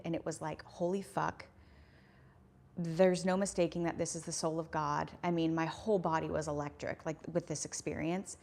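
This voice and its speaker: This YouTube livestream host, a woman in her thirties, has a fairly low, darkish voice. She goes through viewer comments in an earnest, meandering way, filling her speech with fillers.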